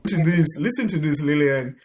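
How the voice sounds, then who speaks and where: In an expressive, fairly high-pitched voice with a darkish tone, a middle-aged Nigerian-accented man talks at a moderate pace as a podcast guest. During the conversational interview he frequently repeats himself and starts his words over.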